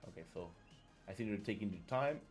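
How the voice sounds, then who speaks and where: A lower-pitched man casting a fighting game tournament live, chatty and rambling as he drifts between play-by-play and asides. Game music plays faintly behind him. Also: animated, fast talker. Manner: rambling, chatty, trails off and restarts. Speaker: esports commentator and tournament organizer. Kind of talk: casual live game commentary.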